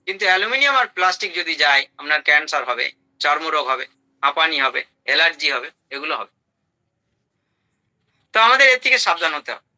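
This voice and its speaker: A man's voice: on the high side, big pitch swings, quick pace, long pauses, sharp tone, poor audio. A man giving a health talk to an audience, emphatic, listing items in short bursts and asking rhetorical questions. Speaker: health speaker.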